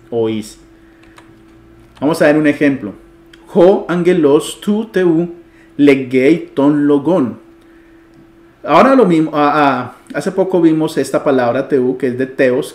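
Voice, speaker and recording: A man's voice: mid-range voice, darkish tone, roomy sound. A man teaching an online Biblical Greek lesson, asking his students questions and answering them himself, with a chuckle now and then.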